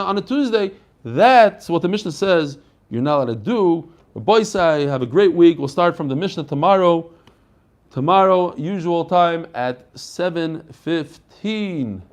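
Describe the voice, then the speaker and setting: A man with a distinctly high-pitched voice teaches a Talmud class as a rabbi. He reads short Hebrew and Aramaic phrases, then explains them in animated question and answer, acting out bits of dialogue. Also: moderate pace. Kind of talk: Talmud lesson, reading and explaining text.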